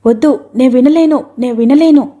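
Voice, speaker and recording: A woman narrator voicing a young adult son who is shaken but earnest, trying to reason and calm his mother. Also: sits high, moderate pace.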